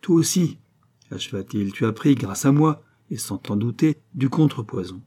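A man reading an audiobook and voicing a cold, scheming mysterious man who speaks calmly and with command. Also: medium pitch, moderate pace, husky. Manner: icy, calm, commanding.

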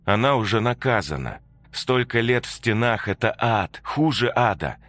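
A man's voice: mid-range voice, lively intonation, normal speed, a bit bright, no echo, pitched above the performer's own voice. A man voicing a fierce protective young woman. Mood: urgent, commanding.

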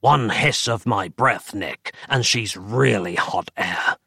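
A man voicing a charred, menacing male demon double with a rasping voice and slow, drawn-out threats. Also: lowish voice, sharp tone, no room sound, studio quality, full character voice.

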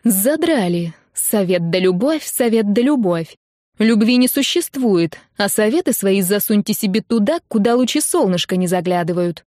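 A woman's voice: sits high, big pitch swings, unhurried, hardly any pauses, no echo, studio quality, voice pushed up. A woman reading an audiobook, voicing an irritable young bride who grumbles and hisses. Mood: grumbling. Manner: grumbling, hissing.

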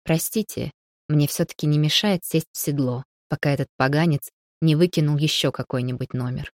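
A self-assured young gentleman with a dry, wry turn of phrase, read by a woman in an audiobook. Low and dark in tone, he stays calm and even. The recording is close and dry. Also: normal speed, dry recording, close to an everyday voice. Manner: calm and dryly ironic. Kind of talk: audiobook character reading.

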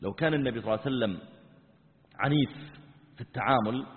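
A man preaching a sermon as a dramatic story, dropping to hushed low tones to act out the quotes. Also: racing. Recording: tinny, band-limited recording in a reverberant hall.

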